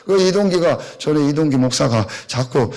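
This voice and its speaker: A man's voice: on the high side, expressive, normal speed, a little mellow. A man from Seosan, a pastor, preaching a blunt sermon full of rhetorical questions to his congregation. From Seosan, South Korea.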